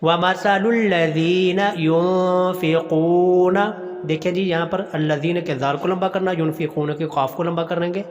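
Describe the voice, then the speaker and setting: High-voiced man teaching Quran recitation. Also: fairly even intonation, darkish tone, big-room sound, highs cut off. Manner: slow chanted recitation, then plain explanation. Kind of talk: recitation lesson.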